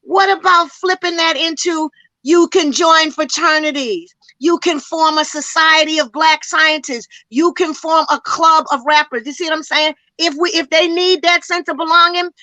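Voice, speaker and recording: A woman's voice: very high-pitched, fairly even intonation, normal speed, sharp tone, no room sound, rough recording. A woman community educator speaking with passion in a panel discussion, emphatic and full of rhetorical questions, a little out of breath.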